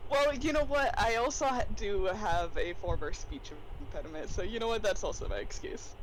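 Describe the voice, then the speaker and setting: A woman's voice: mid-range voice, animated, normal speed, slight background noise, low-quality recording. A woman chatting casually on a podcast, slightly slurred and tipsy, with trouble pronouncing her R's. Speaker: podcast co-host.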